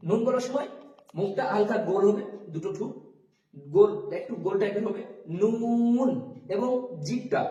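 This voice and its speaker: A man with a high voice teaches Arabic pronunciation. He draws out each letter and repeats it so learners can copy. He sounds far from the mic in a roomy, echoing space. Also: warm tone. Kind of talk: pronunciation lesson.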